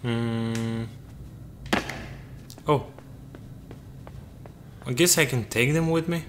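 A man's voice: mid-range voice, drawn-out words, noisy background. A man giving casual gameplay commentary, joking and talking to the game's characters as if they were his crew. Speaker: let's play gamer.

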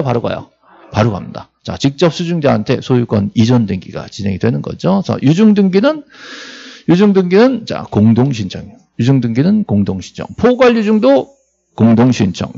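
Lively, gravelly man lecturing a class. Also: mid-range voice, muffled recording. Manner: lively, asks students questions and answers them himself; jokey, acts out little scenes. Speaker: real estate law instructor.

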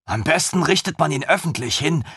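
A man putting on an excitable young lieutenant from a fantasy audiobook, his voice pushed up high and swinging wildly as he gushes. The tone is slightly husky, close and dry, and his manner is naive and pompous. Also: brisk, dry recording, heavily acted. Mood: eager. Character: eager, gushing young male lieutenant. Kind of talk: audiobook character voice.

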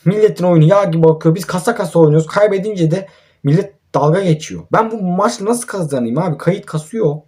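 Young man, gameplay YouTuber, slightly high voice, fed up and grumbling at his players. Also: fairly quick, warm tone. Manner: exasperated, ranting and swearing at his own team. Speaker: mobile football gamer and YouTuber. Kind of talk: gameplay commentary.

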